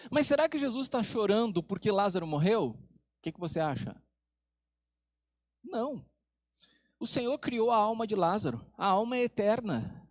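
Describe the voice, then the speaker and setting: A man preaching a sermon as pastor, with dramatic pauses, dropping low and soft for emphasis and asking the congregation questions. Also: expressive, no echo.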